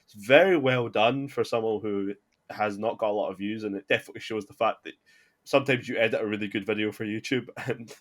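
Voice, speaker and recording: A man's voice: on the low side, steady tone, quick pace, fairly bright tone. A man hosting a podcast in casual chat, rambling with lots of filler words and restarts. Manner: rambling, heavy filler words, self-correcting. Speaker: podcast host.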